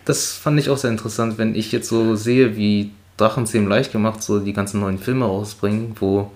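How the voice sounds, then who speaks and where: A man's voice: fairly low pitch, steady tone, moderate pace, a little mellow. Hesitant young man chatting casually. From Germany. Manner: hesitant, many fillers and restarts. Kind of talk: casual chat between old school friends. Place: home.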